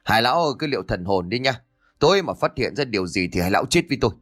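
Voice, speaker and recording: A man's voice: medium pitch, very animated, fast talker, fairly bright tone, faint music behind. A man voicing an indignant village woman who scolds and threatens in a story. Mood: threatening.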